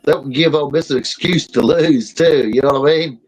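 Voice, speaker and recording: A man in his fifties in a casual sports talk show, cutting in loudly with quick remarks. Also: a little high, breathy edge, rough recording. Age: 50s.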